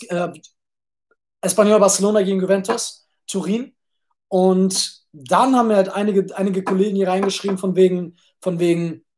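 A man's voice: high-pitched, a little mellow. A man hosting a solo podcast in a casual, rambling way, blunt and brash, with frequent restarts and repeated words. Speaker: podcast host.

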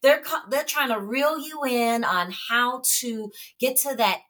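Woman from Chicago, podcast co-host, bright voice, animated storyteller who calls the audience baby. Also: a little high, measured pace. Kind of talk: casual chat.

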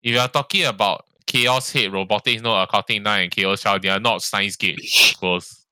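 A man's voice: lowish voice, fairly even intonation, moderate pace, sharp tone, smooth, no room sound. A man in casual podcast chat, rambling and tagging sentences with "lah". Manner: rambling, frequent "lah" and "ah" tags, swears. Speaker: podcast co-host.

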